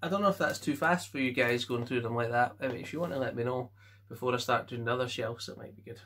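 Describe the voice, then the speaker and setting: Bright-voiced Scottish man chatting casually. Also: medium pitch. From Scotland. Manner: offhand quick verdicts, chuckles to himself. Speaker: collector showing his film collection. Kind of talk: casual chat.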